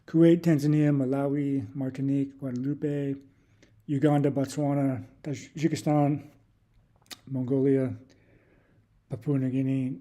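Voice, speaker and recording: A man's voice: mid-range voice, a little slow, long pauses. A man streaming casual commentary, reading off a long list and thinking aloud with hesitant restarts. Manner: reads off long lists in a steady run. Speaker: YouTube creator.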